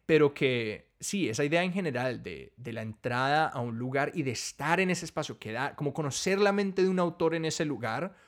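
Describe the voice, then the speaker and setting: A man hosting a casual conversation, thinking out loud in a reflective way and reworking his sentences as he goes. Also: on the high side, animated, moderate pace, few pauses. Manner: reflective, thinking aloud with restarts.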